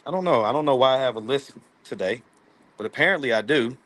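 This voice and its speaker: A man's voice: medium pitch, lively intonation, fast talker, fairly bright tone. A man, hosting a casual live stream from his phone, loose and playful, laughing often. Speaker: livestream host. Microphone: phone camera.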